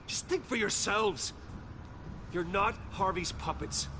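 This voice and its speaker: A man's voice: sits high, slow pace, background noise. An actor playing a defiant, principled man in a video game, speaking in a firm, earnest, confronting way. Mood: earnest pleading. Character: defiant, principled wealthy man, grim and intense. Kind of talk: video game dramatic acting.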